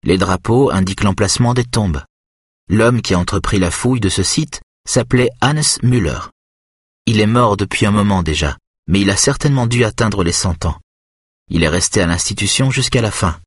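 A male audiobook reader voicing a composed young woman archaeologist, his pitch gently raised and his delivery soft-spoken. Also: moderate pace, breathy edge, no room sound, studio quality. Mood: calm. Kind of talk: audiobook reading.

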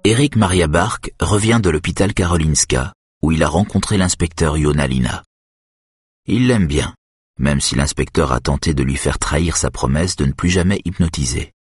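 A man doing measured, scripted audiobook narration of a thriller. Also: rumbling low, husky, no echo, clean studio sound.

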